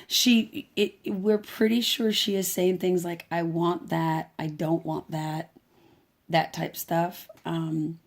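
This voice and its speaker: A woman chatting casually on a family vlog, animated and giggly, with lots of restarts. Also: lowish voice, slow. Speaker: adoptive mother, vlogger. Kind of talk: casual chat.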